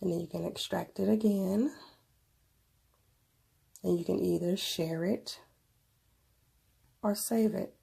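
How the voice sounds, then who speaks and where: A woman's voice: on the low side, steady tone, slow pace, creaky, long pauses, dark tone, slightly rough. A woman with a stuffy nose from a cold, presenting a casual tech review in an informal, conversational way. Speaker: video presenter.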